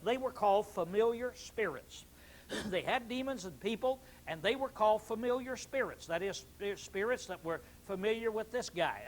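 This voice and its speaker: A male preacher teaching a sermon in a conversational way, often clearing his throat and restarting phrases. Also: sits high, a little hiss or hum, poor audio.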